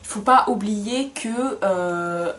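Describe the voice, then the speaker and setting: A woman's voice: mid-range voice, slow, fairly bright tone. A young woman co-hosting a casual book review, hesitant with many fillers and wry asides.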